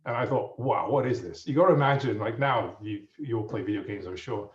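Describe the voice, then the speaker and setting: A man in his fifties with an English accent, a guest telling his story in a relaxed, rambling way with lots of fillers, heard over muffled remote audio. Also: fairly low pitch, brisk. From England. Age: 50s. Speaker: guest professor. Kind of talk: casual storytelling. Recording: muffled, roomy audio from a distance.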